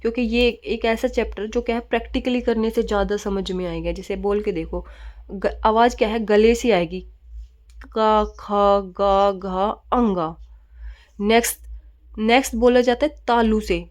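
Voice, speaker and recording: A woman's voice: on the high side, steady tone, normal speed, a little mellow. A woman teacher giving a grammar lesson, often asking questions and answering them herself and mixing in English words.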